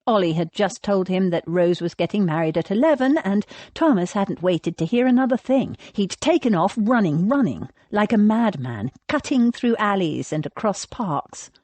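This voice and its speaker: A woman narrating a historical romance audiobook in an expressive storytelling manner. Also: medium pitch, moderate pace, hardly any pauses, dry recording.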